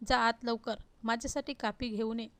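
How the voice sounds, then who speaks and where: A woman's voice: on the high side, fairly even intonation, normal speed, no room sound, natural voice. Woman reading as a cruel, domineering young husband. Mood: commanding. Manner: scornful, commanding.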